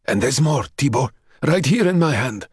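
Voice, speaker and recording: A man's voice: medium pitch, expressive, moderate pace, husky, no room sound, clean studio sound. A man voicing a desperate young man who pleads eagerly and lies to bargain with a vampire. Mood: wheedling.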